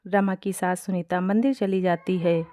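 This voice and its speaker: A woman's voice: on the low side, moderate pace, dry recording, clean studio sound. A woman giving scripted narration of a family story as storyteller. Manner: plain, steady storytelling.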